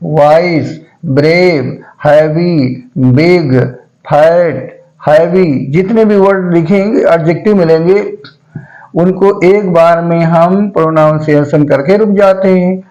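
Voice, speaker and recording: A male teacher giving a grammar lesson, saying each word slowly and repeating it several times so students can follow. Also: fairly high pitch, darkish tone, rough recording.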